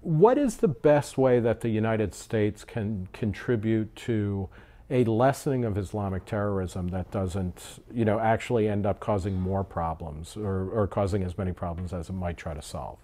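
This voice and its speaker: A male interviewer with a lowish voice and a dark, mellow tone. He asks measured, deliberate questions and otherwise keeps to short prompts.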